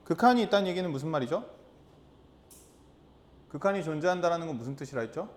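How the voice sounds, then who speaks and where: A man with a somewhat high-pitched voice teaches a high school math class. He repeats the key terms and keeps asking the students questions to check they follow. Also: expressive, fast. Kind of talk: classroom lecture.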